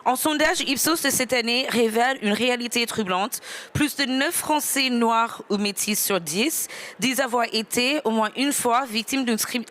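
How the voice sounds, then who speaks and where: A woman hosts a panel discussion and puts a question to her guests. She speaks carefully, with the odd hesitation. Her voice sits slightly high. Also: fairly bright tone. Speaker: moderator.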